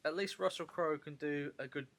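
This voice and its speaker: A man's voice: a little high, fairly quick, fairly bright tone, a little hiss or hum. A man co-hosting a podcast in casual chat, swearing and laughing a lot. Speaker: podcast co-host.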